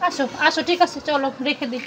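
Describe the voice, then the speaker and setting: A woman's voice: sits high, fairly even intonation, quick pace, a bit bright, a little hiss or hum. A mother vlogging at home, playfully coaxing her children and talking to viewers. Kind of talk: casual family vlog talk with children.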